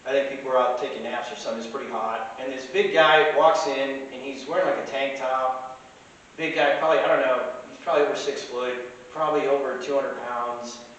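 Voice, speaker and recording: A man's voice: medium pitch, steady tone, a little fast, a bit bright, muffled recording. A middle-aged man, a tavern keeper, telling a casual rambling anecdote full of restarts and fillers, recorded inside the tavern. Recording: very echoey, distant, faint hiss.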